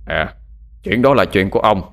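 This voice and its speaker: A man doing a rough bullying henchman. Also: on the low side, lively intonation, normal speed, a bit bright, soft background music. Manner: rough, barking, contemptuous. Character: brutish bullying male henchman.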